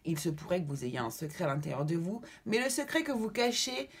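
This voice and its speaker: A woman's voice: lowish voice, sing-song, brisk, slightly rough. A woman giving a tarot card reading to her viewers, talking reassuringly and often checking in with them. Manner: affectionate sign-offs to viewers.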